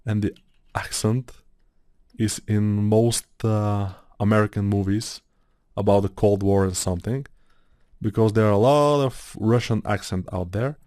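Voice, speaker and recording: A man's voice: fairly low pitch, steady tone, a little slow, dark tone, dry recording, clean studio sound. A man with an Eastern European accent, chatting in a meandering way while he works through a modeling tutorial, thinking aloud with many fillers. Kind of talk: casual rambling tutorial talk.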